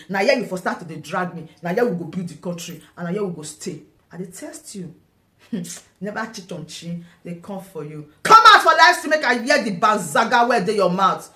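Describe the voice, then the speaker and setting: A woman's voice: mid-range voice, bright, forceful tone. A Nigerian woman commenting on a vlog, combative and taunting, firing off rhetorical questions. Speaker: online political commentator. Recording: echoey room.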